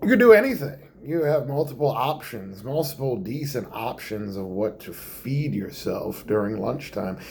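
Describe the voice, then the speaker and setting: A man doing a stand-up comedy monologue in a theatrical way, drawing words out for effect and dropping to hushed asides. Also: medium pitch, very animated, moderate pace, gravelly, hardly any pauses, slight background noise.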